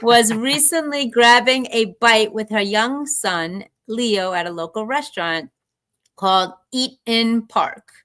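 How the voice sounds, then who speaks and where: A woman reading a story on a casual talk show, pitched a little high. She stumbles over words and breaks off to make chatty side comments. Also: takes it slowly, a bit bright. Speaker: show co-host reading news.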